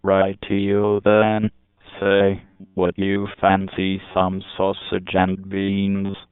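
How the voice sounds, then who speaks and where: A man's voice: deep voice, monotone, slow pace, smooth, dry recording. A man voicing a pushy, lewd British man in a put-on British accent, full of bawdy slang. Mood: leering. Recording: tinny phone-like sound.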